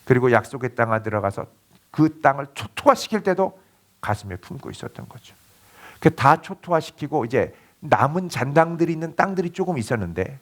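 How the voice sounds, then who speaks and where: Animated Korean pastor preaching. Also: male voice, a little high. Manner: animated storytelling, acting out quoted voices. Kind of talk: sermon.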